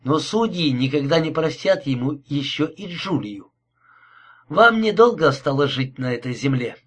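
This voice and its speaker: A cold, courteous killer speaks with polite mockery, as a male reader puts him on. His voice is husky and set fairly high, and he never hurries. It is an audiobook thriller. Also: animated, fairly bright tone. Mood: cold menace. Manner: politely mocking, unhurried.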